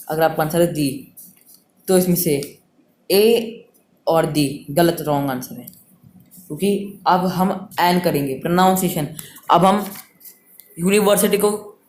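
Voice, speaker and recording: A man teaching a grammar lesson online, patient and repetitive, sounding words out again and again. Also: sits high. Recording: echoey room with faint noise.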